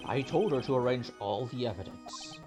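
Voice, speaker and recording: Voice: medium pitch, lively intonation, normal speed, music in the background, close to an everyday voice. A person voicing a scheming, smug old male police chief with an old man voice, in a video game read-aloud. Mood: coolly confessing. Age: older.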